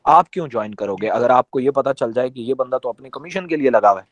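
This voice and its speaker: A man's voice: medium pitch, animated, no room sound, muffled recording. A man giving a motivational training talk to his team, teaching in a conversational, emphatic way with many rhetorical questions. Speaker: network marketing trainer.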